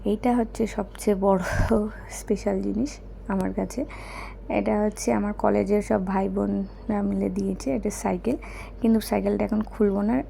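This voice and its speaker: A young woman talking softly and hoarsely in a casual chat while showing gifts, keeping her voice low because her son is asleep. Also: a little hiss or hum. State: hoarse, her throat is bad.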